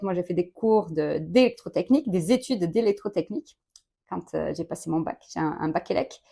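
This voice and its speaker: Chatty woman in her late thirties, business leader in a quick-fire interview, informal, quick to laugh. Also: mid-range voice, gravelly, a little mellow. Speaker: company director interviewed.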